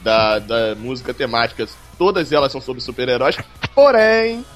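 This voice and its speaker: A man's voice: mid-range voice, lively intonation, moderate pace, soft background music. A man co-hosting a podcast in casual, teasing banter, repeating phrases for emphasis. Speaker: podcast co-host.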